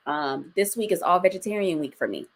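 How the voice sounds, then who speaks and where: A woman's voice: on the low side, lively intonation, brisk, a little hiss or hum. A woman in her forties, a guest talking casually and outspokenly, with slang and some swearing. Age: 40s. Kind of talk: casual interview chat.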